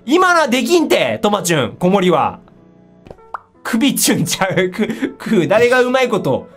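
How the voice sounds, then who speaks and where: A woman giving excitable commentary on a horror game, easily startled, often exclaiming and repeating her words. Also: mid-range voice, normal speed, husky. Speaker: game streamer. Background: music.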